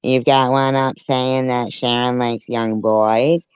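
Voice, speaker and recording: A commentator with a deep pitch-shifted voice, reacting to a clip with blunt, profane sarcasm. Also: level tone, takes it slowly, clean tone, no room sound, muffled recording. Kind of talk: ranting commentary.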